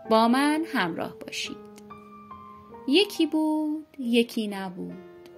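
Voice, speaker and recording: A woman host narrating an old folk tale with slow, dramatic storytelling pauses. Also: high voice.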